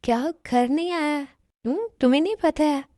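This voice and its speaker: A weepy, heartbroken young woman, as a woman voices her in an amateur dubbed love story. She pleads in a fairly high, soft, mellow voice. The recording is close and dry. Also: lively intonation, normal speed, no echo. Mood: pleading.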